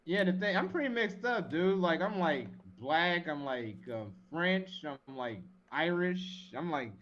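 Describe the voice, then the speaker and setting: Male comedian guest from California, slightly high, slangy and animated, muffled line. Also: unhurried, a little hiss or hum. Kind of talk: casual chat. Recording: slightly dull lo-fi sound.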